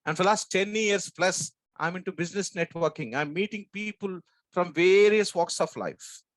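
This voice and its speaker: Higher-pitched older man, strong Telugu accent. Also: no echo. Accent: strong South Indian Andhra Telugu. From South India, Andhra. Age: 59, about sixty. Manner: emphatic, rhetorical questions, short deliberate phrases. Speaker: sales trainer and business coach. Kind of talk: motivational training talk to an audience.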